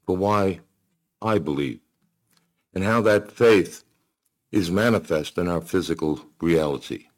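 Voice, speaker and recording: Deep-voiced man preaching a sermon. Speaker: pastor.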